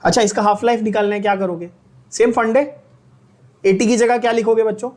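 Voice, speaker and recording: A man's voice: high voice, fairly even intonation, darkish tone. A man with an Indian accent teaching chemistry in a Hindi-English mix, teasing students and checking they follow. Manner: teasing, scolds students playfully; slow, drawn-out explanations with frequent checks.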